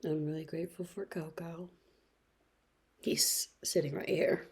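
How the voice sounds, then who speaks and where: A woman in her late twenties talking slowly and reflectively in a personal video diary, hesitant, her husky voice often sinking to a whisper. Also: low-pitched, fairly even intonation. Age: 20s. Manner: slow, reflective, hesitant, with soft laughs. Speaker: vlogger.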